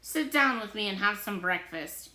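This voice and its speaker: A woman's voice: mid-range voice, animated, normal speed, pushed and bright. A woman voicing a cheerful, easygoing old fisherman who laughs easily, in a roomy-sounding recording. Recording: roomy echo.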